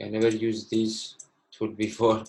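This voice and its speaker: Here a young trading educator from Cyprus, twenties, Greek as his first language, teaches live online through a video call, the recording low in quality. He talks unhurriedly in a lowish, somewhat mellow monotone. Slightly broken English, peppered with "okay."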